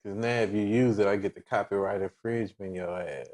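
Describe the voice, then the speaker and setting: A man with a very low voice and co-hosts a podcast in easygoing chat. He talks in a laid-back way, teases his co-host and stretches words for effect. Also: fairly even intonation, a little mellow. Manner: laid-back, playful teasing, drawn-out words. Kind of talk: casual chat.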